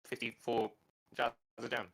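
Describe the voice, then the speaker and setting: A man narrating as game master of a tabletop game, relaxed and joking. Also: medium pitch, measured pace, creaky.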